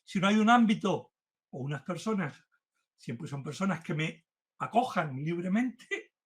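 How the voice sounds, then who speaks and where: A man giving an earnest philosophy lecture, speaking with growing emphasis as he warms to his subject. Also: high voice, expressive, unhurried. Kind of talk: university-style lecture. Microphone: remote talk to a virtual audience.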